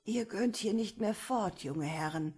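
A woman doing a hoarse, frightened old man. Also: medium pitch, a little slow. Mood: ominous. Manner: stammering, pleading, then hushed.

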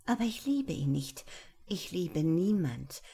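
A woman voicing a haughty young noblewoman in an audiobook, speaking softly and languidly, half in a whisper. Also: lowish voice, very animated, takes it slowly, creaky, husky, pitched above the performer's own voice, exaggerated voice. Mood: melancholy. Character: cold, aloof young noblewoman, haughty mistress. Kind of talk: audiobook character voice.

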